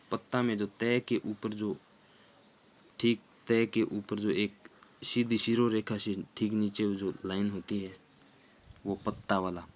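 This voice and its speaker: A man's voice: on the low side, slight background noise. A man teaching a grammar lesson, patiently explaining step by step with examples.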